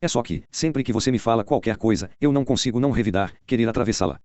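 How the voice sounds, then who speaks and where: A Brazilian man voicing a cool, cutting teenage schoolgirl in a flat, deadpan delivery while reading a novel aloud. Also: medium pitch, quick pace, no echo, close to an everyday voice. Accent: Brazilian Portuguese.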